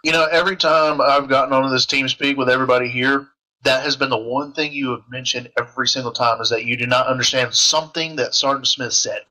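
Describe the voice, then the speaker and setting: Bright-voiced man joking on comms. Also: medium pitch, fairly even intonation, quick pace, poor audio. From Alabama. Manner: joking, swearing, drawling banter. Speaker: squad rifleman. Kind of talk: casual voice chat while gaming.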